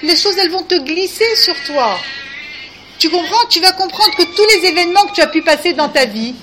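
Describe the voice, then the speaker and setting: A woman's voice: extremely high pitch, animated, brisk, noisy background. A woman giving earnest spiritual guidance to a group, coaxing and often asking if they understand. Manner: earnest, coaxing, repeats questions. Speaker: religious teacher.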